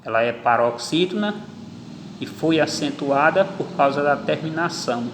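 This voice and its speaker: A man's voice: fairly high pitch, animated, a bit bright, slight background noise. A man teaching a grammar lesson, explaining step by step and counting out syllables one by one. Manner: slow, deliberate, spells out syllables. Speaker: Portuguese teacher. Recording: echoey room with long reverb.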